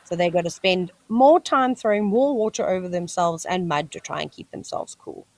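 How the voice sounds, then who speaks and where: Cicadas screech behind this South African wildlife livestream host as she chats at normal speed in a fairly low, slightly mellow voice. Her live nature commentary is enthusiastic, and she addresses the animals appearing on screen.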